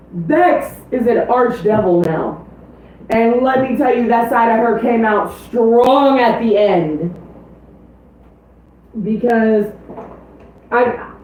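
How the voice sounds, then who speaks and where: A woman's voice: on the high side, a little mellow, a little hiss or hum. A woman player telling a tabletop game story in casual, emotional chat, swearing often. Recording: distant echoey tinny lo-fi audio.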